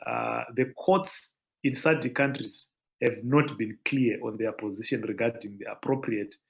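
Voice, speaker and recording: Gravelly-voiced man lecturing over a call. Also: mid-range voice, muffled recording. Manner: measured, explanatory lecturing with pauses. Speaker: law panelist. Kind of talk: online panel presentation. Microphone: video call.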